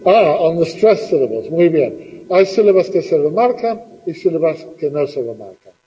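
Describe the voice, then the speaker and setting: A man's voice: a little high, very animated, normal speed, dark tone, in a large hall, muffled recording. A middle-aged man teaching a classroom lesson, patiently asking questions and repeating the students' answers.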